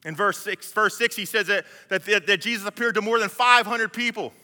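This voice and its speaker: A man's voice: sits high, brisk, sharp tone, in a large hall. A male pastor preaching a sermon in a conversational way, retelling scripture scenes with frequent restarts. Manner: conversational, acts out biblical scenes, many restarts.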